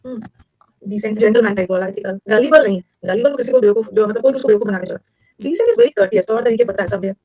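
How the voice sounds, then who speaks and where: Indian woman, exam tutor, brisk and chatty, dry muffled mic. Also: mid-range voice, animated, vocal fry, warm tone, no echo. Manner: fast, chatty, switches between Hindi and English. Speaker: English teacher for competitive exams. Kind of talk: live online class.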